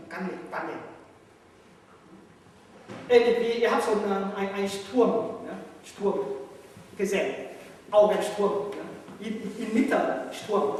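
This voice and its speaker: A man with a Vietnamese accent, a meditation master giving a spiritual lecture in halting, broken German, playful and quick to laugh. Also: high-pitched. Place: large echoey hall. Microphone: distant room mic. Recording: echoey hall from far off, faint hiss.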